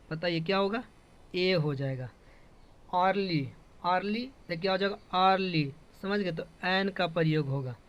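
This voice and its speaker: A man teaching a grammar lesson. He keeps asking the class questions and answers them himself, drilling each example. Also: high-pitched. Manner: repetitive questioning, drilling students. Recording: dull lo-fi classroom recording.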